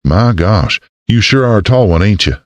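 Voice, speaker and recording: A man's voice: lowish voice, animated, moderate pace, dry recording, voice pushed up, natural voice. Male reader doing a folksy young woman with a Southern drawl, upbeat storybook figure. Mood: friendly. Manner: bubbly and folksy. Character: cheerful young woman florist from Mississippi.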